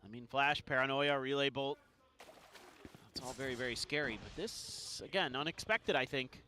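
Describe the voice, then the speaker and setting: A man's voice: medium pitch, moderate pace, bright, forceful tone. A man giving conversational esports commentary as an analyst caster, explaining plays and directly addressing the listener. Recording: game noise, gunfire and clicks behind. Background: video game gunfire.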